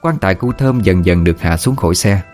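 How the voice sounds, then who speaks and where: A man narrating a story in a steady, somber way. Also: sits low, a little fast, soft background music. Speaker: audiobook narrator.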